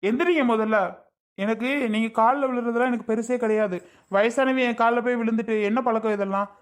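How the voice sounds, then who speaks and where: A man's voice: very high-pitched, steady tone, brisk, smooth. A man voicing a jealous young ex-husband in a Tamil cartoon drama, insistent and self-justifying as he tries to win back his wife. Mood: pleading.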